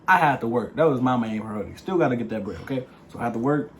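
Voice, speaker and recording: A young man casually telling the story of how he met his partner, in a playful, slangy, animated way. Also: medium pitch, fast talker. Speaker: vlog co-host.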